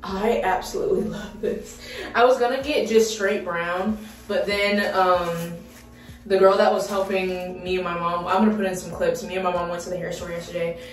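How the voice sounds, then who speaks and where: A young woman chatting casually in a beauty vlog, excitable and full of dramatic exclamations. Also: lowish voice, normal speed, far from the mic. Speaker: beauty vlogger. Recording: roomy, mic set back, faint music.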